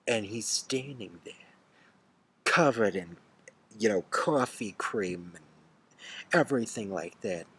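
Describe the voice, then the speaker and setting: A man telling a bitter story in an angry rant, swearing and swinging from hushed seething to loud outbursts. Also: lowish voice, lively intonation, slow, long pauses, breathy edge. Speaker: storyteller ranting to camera. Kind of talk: angry first-person rant.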